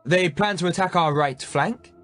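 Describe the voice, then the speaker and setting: A man reading an audiobook voices a young English prince giving crisp commands in battle. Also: sits high, normal speed, fairly bright tone, soft background music, voice pushed up. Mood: brisk.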